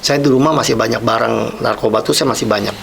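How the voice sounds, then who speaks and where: A man's voice: mid-range voice, fast, vocal fry, slight background noise. A man telling his personal testimony as a podcast guest, reflective and replaying his own past words.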